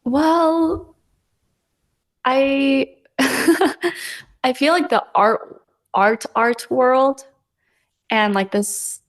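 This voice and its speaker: Extremely slow and pausing often, a young LA artist on a podcast speaks in a steady, high-sitting voice. In this casual interview chat she's hesitant, leaning on fillers and small laughs.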